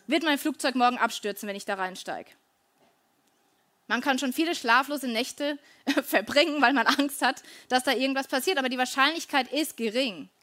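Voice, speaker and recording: High-voiced woman giving a devotional talk. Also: pushed and bright. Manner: earnest, conversational, asks listeners directly.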